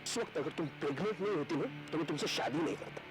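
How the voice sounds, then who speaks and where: An actor playing a bitter, volatile man who rages at his tenant and his father, often accusing and breaking into shouts. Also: fairly high pitch, lively intonation, quick pace, lightly acted. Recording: dramatic music underneath.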